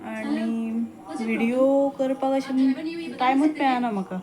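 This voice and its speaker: A woman's voice: high voice, unhurried. A woman with a Goan Konkani accent, chatting to viewers about her day and family in a homely vlog. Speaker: vlogger, mother. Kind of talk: casual chat to camera.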